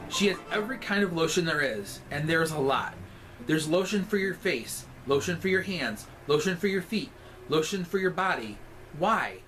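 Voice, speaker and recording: A man with a sassy drag queen delivery reads a scripted comic story aloud, with deliberate, emphatic timing. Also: fairly high pitch, low-quality recording.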